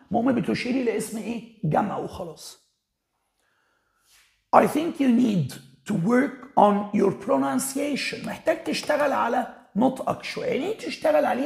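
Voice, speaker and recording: A man with an Egyptian Arabic accent teaches English vocabulary. His high voice has a strong gravelly fry. He reads example sentences slowly in an echoey room. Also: a little mellow. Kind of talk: recorded vocabulary lesson.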